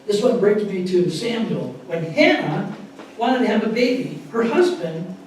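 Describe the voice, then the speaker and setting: A man preaching a sermon as pastor, telling animated stories with sudden loud bursts, heard from far off in a church sanctuary. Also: high voice, measured pace, very echoey, slight background noise.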